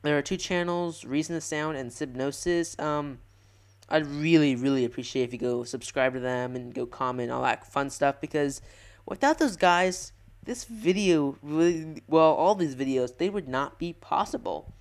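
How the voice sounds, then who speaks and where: Rambling young man, smooth higher voice. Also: normal speed. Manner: rambling, self-correcting, excitable. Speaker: gaming channel host. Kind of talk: live gameplay commentary.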